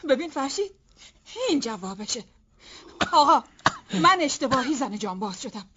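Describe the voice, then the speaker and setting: A distraught veteran's wife with a high, emotional voice. She pleads and bursts out in turns, with a faint hiss behind her. The sound is muffled and lo-fi, as in an older TV drama. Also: lively intonation. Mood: pleading. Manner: pleading, emotional, given to outbursts.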